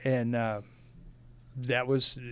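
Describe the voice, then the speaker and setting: A man's voice: medium pitch, flat delivery, drawn-out words, clean tone, no echo. A man speaking as a podcast guest, plain-spoken and full of ums and uhs. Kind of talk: casual conversation.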